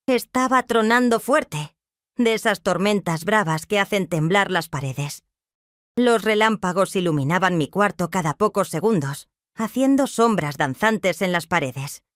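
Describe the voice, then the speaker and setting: A woman narrating a first-person dramatic story in a hushed, suspenseful, emotional way. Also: lowish voice, no echo, studio quality.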